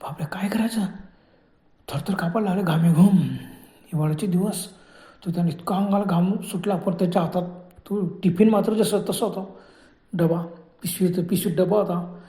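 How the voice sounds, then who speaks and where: A man narrating a horror story dramatically, dropping to hushed whispers at tense moments. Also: high voice, steady tone, moderate pace. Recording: echoey room.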